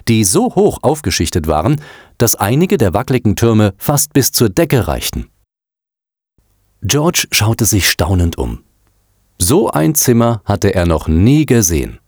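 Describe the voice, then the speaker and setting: A man reads a storybook aloud as narrator in an expressive way. His voice sits very low but swings widely in pitch. The recording is close and dry. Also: no room sound. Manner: expressive, animated reading. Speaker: audiobook narrator.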